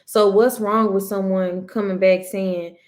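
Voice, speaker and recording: A woman's voice: medium pitch, level tone, unhurried. Earnest woman telling a family story. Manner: earnest, circling back and restarting as she tells a story. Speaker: podcast co-host; mother. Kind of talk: casual storytelling chat.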